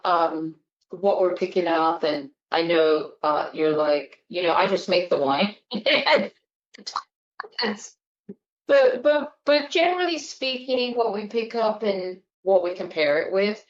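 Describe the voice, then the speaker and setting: A woman's voice: mid-range voice, animated, unhurried. Chatty sommelier woman, lo-fi sound. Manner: chatty, explains like a teacher. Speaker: sommelier host. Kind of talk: casual wine-tasting chat. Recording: dull lo-fi recording.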